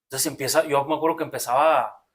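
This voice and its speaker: A man's voice: mid-range voice, steady tone, fast, husky. A man with a Mexican accent talking reflectively in a casual podcast conversation, explaining at length. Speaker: podcast co-host.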